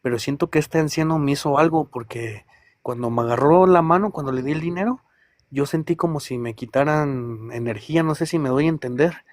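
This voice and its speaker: A man's voice: on the high side, a little fast, a little mellow, no echo, clean studio sound. A man, calling in to tell a personal experience, rambling and hesitant as he talks straight to the listener. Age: 30s. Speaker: caller.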